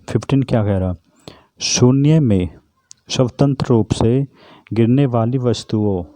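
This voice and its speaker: A man's voice: medium pitch, warm tone, no echo. A man teaching an exam-prep physics lesson, who keeps asking questions and answering them himself. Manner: repetitive, asks and answers own questions.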